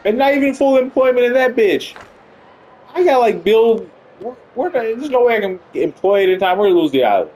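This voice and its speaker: A man giving excitable, profane live commentary while playing a video game. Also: extremely high pitch, a little fast, rough recording. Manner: excitable, profane, swings between panic and triumph. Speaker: gaming channel host. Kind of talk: live let's-play commentary.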